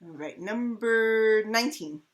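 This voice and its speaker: A woman's voice: a little high, a little slow. A woman co-hosting a casual fan Q&A video, telling long rambling stories full of fillers and restarts. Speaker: channel co-host.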